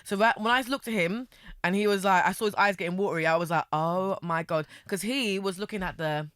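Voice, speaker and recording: Young woman chatting on a podcast, talks really fast, acts out everyone in her story, dry close sound. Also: medium pitch, smooth, dry recording. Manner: animated storyteller acting out voices. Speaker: podcast guest. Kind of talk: casual chat.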